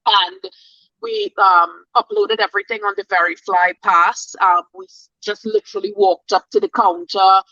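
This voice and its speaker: A woman's voice: medium pitch, animated, sharp tone, dry recording, highs cut off. A woman in her forties, a guest telling her travel story in a chatty, enthusiastic way. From Trinidad. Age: 40s. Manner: enthusiastic, chatty, bursts of quick speech. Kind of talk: casual interview chat.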